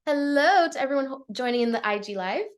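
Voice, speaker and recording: Female life coach, slightly higher voice, loose chatty delivery full of "like", on a live video call. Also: lively intonation, fast. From Canada. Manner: casual, swearing, lots of fillers. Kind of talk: live-streamed coaching talk. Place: Portugal.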